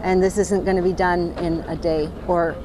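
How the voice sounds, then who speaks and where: Woman interviewed outdoors, plainspoken, clear street and wind noise around her. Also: fairly low pitch, flat delivery, moderate pace. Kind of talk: casual on-location interview. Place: outdoors on a beach.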